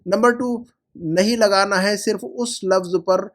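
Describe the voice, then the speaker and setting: A male Arabic teacher going over homework in an online lesson, explaining in Hindi-Urdu sprinkled with English and repeating words slowly for drilling. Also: high voice.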